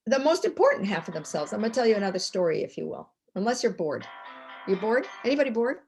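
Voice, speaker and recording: A woman's voice: mid-range voice, big pitch swings, fast, a little mellow, soft background music. An older woman telling a story as a guest speaker in a fireside chat. She restarts and repeats words as she goes.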